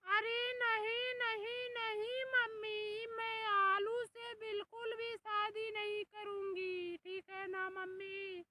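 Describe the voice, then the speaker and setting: A woman's voice: very high-pitched, little pitch movement, takes it slowly, hardly any pauses, sharp tone, a little hiss or hum, heavily acted. A woman voicing a whiny, tearful young tomato daughter who pleads with her mother.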